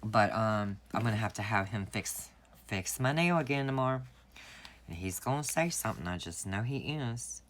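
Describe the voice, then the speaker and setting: Setting up her planner at home, a female planner vlogger chats away and shares stories, often breaking into laughter. Her rumbling low voice is animated and moves at a moderate pace, with slight background noise in the clip.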